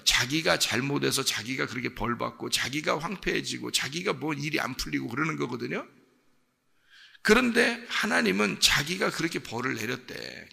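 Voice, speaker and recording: Male pastor, gravelly voice, conversational sermon full of rhetorical questions, long reverb of a church hall. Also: medium pitch, pushed and bright. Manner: peppers talk with rhetorical questions to the congregation; acts out quoted parents' scolding lines. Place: church sanctuary.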